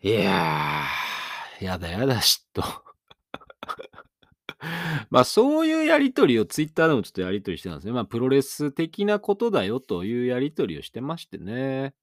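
A man hosting his own late-night radio talk, rambling along in a self-mocking way. His pitch swings widely, jumping up and dropping low within a sentence. The studio sound is dry and close. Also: huge pitch swings, fast, few pauses, dry recording. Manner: rambling, self-mocking, chatty with sudden high jumps. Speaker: radio DJ and podcast host. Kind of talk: casual solo radio talk.

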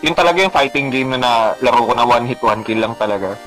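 A man's voice: mid-range voice, fast talker, fairly bright tone, soft background music, poor audio. A man co-hosting a casual podcast about video games, rambling with lots of filler words and switching into English. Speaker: podcast co-host.

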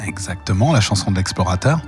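A man's voice: deep voice, expressive, fast talker. A man, a voice actor and singer, chatting casually in an interview and eagerly telling amusing anecdotes. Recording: music playing behind the voice. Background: music.

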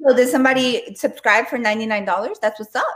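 A woman's voice: on the high side, fast, a bit bright. A woman who is a guest on a podcast, chatting casually and teasing the host in joking banter.

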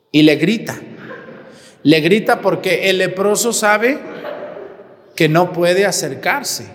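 Animated Mexican priest preaching in a reverberant church. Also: male voice, high-pitched. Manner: animated, asks the congregation questions directly. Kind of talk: sermon.

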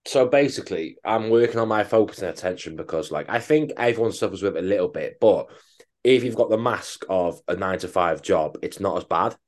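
A man co-hosts a casual podcast, rattling along at a quick clip. His voice sits low, and he rambles through sweary, joking banter. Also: animated. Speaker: podcast co-host.

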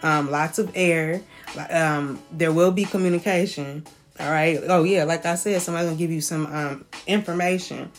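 A woman's voice: sits low, steady tone, moderate pace, soft background music. A woman giving a casual spoken reading, chatty and loose, often checking in with "okay?" and laughing lightly. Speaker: tarot reader.

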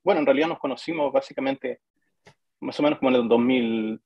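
A man talks as a guest in a relaxed, hesitant way, filling pauses and restarting his sentences. His voice is husky and the recording is dry and muffled, with a lo-fi quality. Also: medium pitch, no room sound. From Chile. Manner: hesitant, frequent fillers and restarts. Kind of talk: casual conversation.

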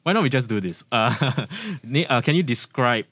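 A man's voice: mid-range voice, expressive, normal speed, fairly bright tone, dry recording. A young man hosting a casual talk podcast in a studio. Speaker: podcast host.

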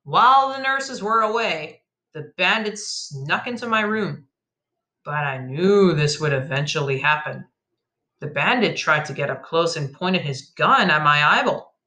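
A storyteller narrating a dramatic first-person tale, emphatic and given to loud outbursts. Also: medium pitch, a little slow. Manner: emphatic, shifts from flat telling to loud outbursts.

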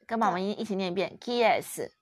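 Brisk and animated, a young woman speaks at medium pitch in a clean, echo-free studio-quality recording. She has a Taiwanese Mandarin accent and is a mother giving her toddler a playful, encouraging French lesson at home, patiently going over words.

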